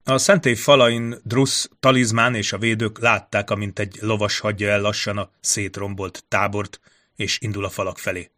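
A man narrating a fantasy audiobook in a steady storytelling manner. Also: on the low side.

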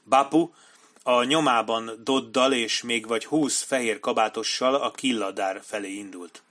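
A man reading an adventure novel aloud in a measured, dramatic narration style. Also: medium pitch, a bit bright. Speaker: audiobook narrator. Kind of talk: scripted narration.

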